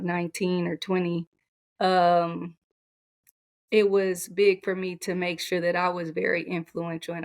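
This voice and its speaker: A soft-spoken woman coach talking in an interview, with many fillers and restarts. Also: on the low side, vocal fry. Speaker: coach, podcast guest. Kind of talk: conversational interview.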